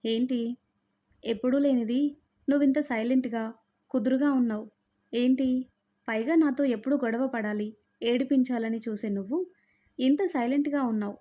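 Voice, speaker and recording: A woman's voice: fairly high pitch, normal speed, long pauses, mellow, lightly acted. A woman voicing an innocent, loving young wife who talks in a pleading, affectionate way. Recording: dull lo-fi sound.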